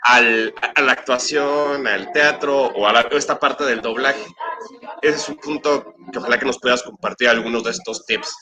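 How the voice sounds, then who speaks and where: A man's voice: medium pitch, normal speed, crowd noise, low-quality recording. A Mexican man hosting an interview, asking long, winding questions and correcting himself as he goes. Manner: rambling, self-correcting questions. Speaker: host.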